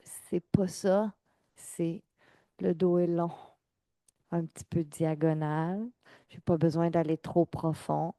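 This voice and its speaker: A woman leads an exercise class, giving calm, measured cues and counting down reps. She speaks very slowly in a fairly low, mellow voice. The sound is dry and close. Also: dry recording. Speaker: fitness instructor.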